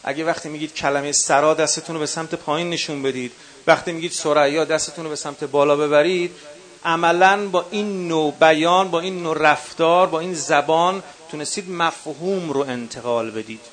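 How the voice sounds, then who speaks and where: A man with a Qom accent leads a teaching workshop and lays out his advice one numbered point at a time. His voice sits a little high for a man. He speaks to the room directly and calls his listeners dear ones. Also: steady tone, fairly bright tone. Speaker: workshop instructor for religious eulogy singers. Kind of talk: workshop lecture. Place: workshop session with a live audience.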